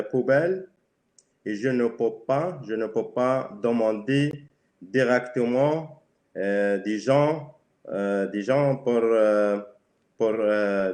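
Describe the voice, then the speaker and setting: A man from Spain with a Spanish accent, a native Spanish speaker, describing his work simply and haltingly. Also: mid-range voice, darkish tone. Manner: halting, searching for words. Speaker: cleaner, webinar guest. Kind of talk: simple self-presentation. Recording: very echoey room.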